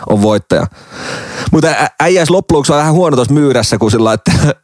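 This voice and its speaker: A man's voice: mid-range voice, animated, a little mellow, no echo, studio quality. A man hosting a podcast in casual chat, rambling through joking stories and laughing often. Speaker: podcast co-host.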